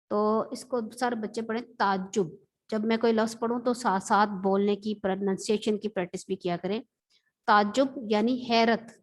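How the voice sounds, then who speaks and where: A woman teacher from Pakistan, giving a patient, explanatory vocabulary lesson and repeating words slowly. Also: on the high side.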